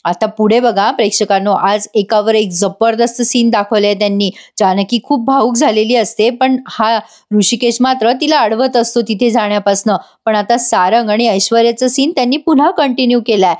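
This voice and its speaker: A woman's voice: fairly high pitch, moderate pace, few pauses, darkish tone. A woman hosting a voice-over review who recaps a TV serial episode and talks straight to her viewers. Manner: chatty, addresses viewers directly.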